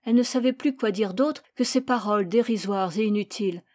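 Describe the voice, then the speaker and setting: A woman reading a story aloud in a measured, expressive storytelling voice. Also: mid-range voice. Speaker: narrator.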